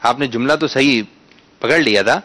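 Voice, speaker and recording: A man hosting a quiz for children, coaxing them patiently to pronounce words correctly and breaking into loud announcements when they get it right. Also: medium pitch.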